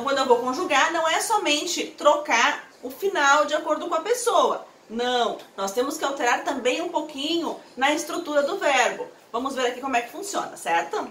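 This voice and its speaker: A woman teaching a language class, patiently explaining and slowly repeating each verb form. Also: sits high, fairly bright tone. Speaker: Spanish teacher. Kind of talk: explanatory lesson. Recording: roomy, from a distance, faint hum.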